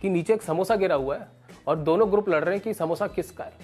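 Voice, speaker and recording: A man in his thirties performs stand-up storytelling straight to the camera in a small indoor room. He tells it with animated energy, slipping into other people's voices. Faint music sits quietly underneath. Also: sits high, fast talker, slightly rough. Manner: animated, acts out characters with raised voice. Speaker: stand-up comedian.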